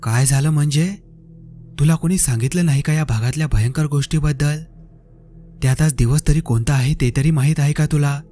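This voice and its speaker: A terse, gruff middle-aged jeep driver, as a male narrator puts him on snaps out short answers in a mellow, low-key tone. Faint music hums behind the voice. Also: level tone, a little slow, close to an everyday voice. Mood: alarmed, barking. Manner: terse, barks when alarmed.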